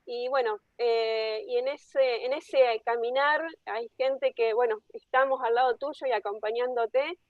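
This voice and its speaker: A woman moderating an online talk, introducing speakers with many pauses and fillers. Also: on the high side, fairly even intonation, dry recording, phone-quality sound.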